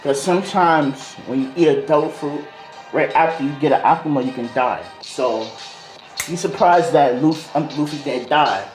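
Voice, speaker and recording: This male video host's voice sits on the high side, and he moves at a moderate pace while spinning a loose, slang-heavy story, making it up as he goes and drifting into side topics. The recording has a roomy echo with a music beat under his speech.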